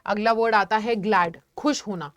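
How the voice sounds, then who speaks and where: A woman's voice: medium pitch, normal speed, fairly bright tone, dry recording. A young adult woman teaching a vocabulary lesson, explaining patiently and checking in with her students. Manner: explains patiently, addresses students as "beta", frequent "theek hai" check-ins. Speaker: online teacher.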